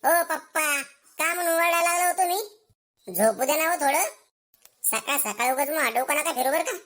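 A woman's voice: high voice, animated, moderate pace, fairly bright tone. A woman playing a whiny, cheeky schoolboy. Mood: whining. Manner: whiny, talks back, rustic slang. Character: lazy cheeky schoolboy, fakes illness. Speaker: main character. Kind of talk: comedy sketch acting.

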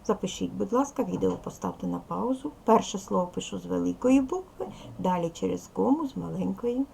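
Over slight background noise, a woman teaches a recorded second-grade lesson in a medium-pitched, mellow, creaky voice, expressive and fairly quick. She is patient, goes step by step, counts aloud, and speaks to the pupils as little children.

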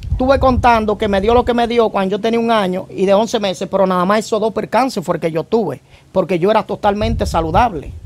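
A man gives his church testimony as a former gang member. He tells his story vividly, acts out each moment and keeps breaking in with short praise phrases. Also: high-pitched.

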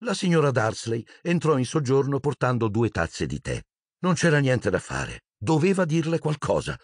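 Husky, gravelly male audiobook narrator. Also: mid-range voice, moderate pace, no echo, clean studio sound. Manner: expressive storytelling. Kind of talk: scripted narration.

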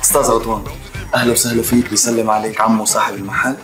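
A man plays a courteous waiter who loves to share gossip. He talks briskly. Music and a roomy echo sit behind him. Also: lowish voice, little pitch movement, lightly acted. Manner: polite, gossipy. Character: chatty restaurant waiter.

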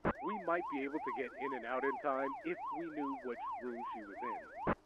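Tense firefighter: terse, urgent, high, lively pitch, siren-heavy lo-fi mix. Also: male voice, normal speed, very noisy. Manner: terse, urgent radio commands. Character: urgent male firefighter at a burning house. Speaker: firefighter unit in a game. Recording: lo-fi game audio under loud sirens.

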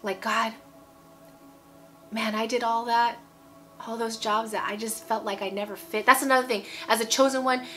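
Bright, emphatic woman in her forties preaching. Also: fairly high pitch, level tone, normal speed, long pauses, soft background music. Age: 40s. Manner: emphatic, repeats phrases, asks "okay?". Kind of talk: casual video sermon. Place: indoor room at home.

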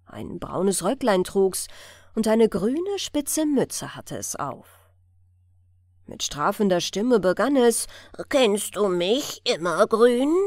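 A woman reading a fairy tale aloud as a bedtime story, soothing and expressive, close to the microphone. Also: mid-range voice, dry recording. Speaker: audiobook reader.

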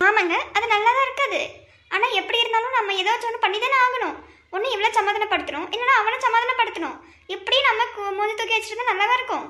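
A woman's voice: very high voice, quick pace, sharp tone. A woman voicing an anxious young wife in a cartoon family drama, pleading and coaxing her husband.

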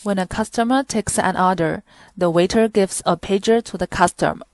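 A woman narrating a scripted product demonstration in a plain, steady reading voice with small grammar slips. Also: medium pitch, normal speed, no echo. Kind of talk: scripted instructional voice-over.

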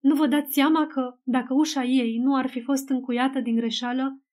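A woman reading as a hoarse, troubled young man. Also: sits high, fairly even intonation, lightly acted. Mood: angry. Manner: hoarse and quiet. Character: troubled young man, dazed then calm.

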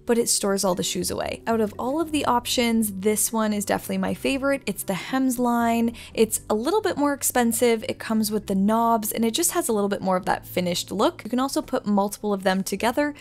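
A woman's voice: on the high side, brisk, hardly any pauses, darkish tone. A young adult woman and interior designer giving upbeat, enthusiastic voice-over about home decor finds. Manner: upbeat, enthusiastic product commentary. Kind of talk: voice-over shopping narration.

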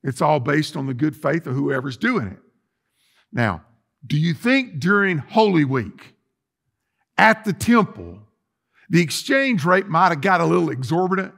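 Preaching inside a church sanctuary, a middle-aged pastor teaches conversationally and poses questions to his listeners. He speaks a little slowly with big pitch swings, vocal fry and long pauses, his voice a little high and a bit bright.

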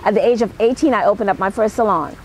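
This is a fast-talking woman with a mid-range voice, recorded in low quality with slight background noise. She's a middle-aged celebrity hairstylist and makeup artist with a Trinidadian accent, giving a motivational personal talk to camera outdoors on a patio at night in an emphatic style dotted with "okay."

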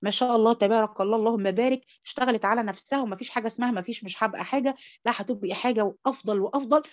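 A woman's voice: fairly high pitch, rapid-fire, highs cut off. A woman with an Egyptian Arabic accent teaching tajweed in an online class, mixing English and Arabic and coaxing students with questions. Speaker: Quran recitation teacher. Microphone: computer mic on an online call.

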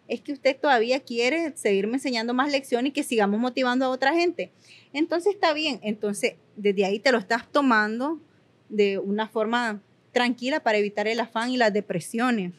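A woman's voice: on the high side, brisk. A young woman giving earnest, emphatic personal testimony in an interview, repeating words for emphasis. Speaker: guest sharing her story.

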